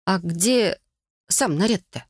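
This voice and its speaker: Reader voicing a sharp-tongued young heroine. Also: mid-range voice, animated, slow pace, no echo, clean studio sound. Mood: indignant. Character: sharp-tongued young woman, a magic academy student.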